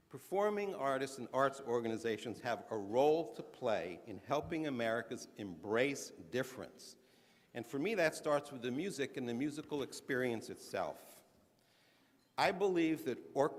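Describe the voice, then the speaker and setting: A man giving a measured, earnest speech at a conference, stressing his points, now and then restarting a phrase. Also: medium pitch. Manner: earnest, measured, emphatic delivery with occasional restarts. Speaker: conference speaker. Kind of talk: prepared speech to an audience. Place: conference hall. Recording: large hall with long reverb.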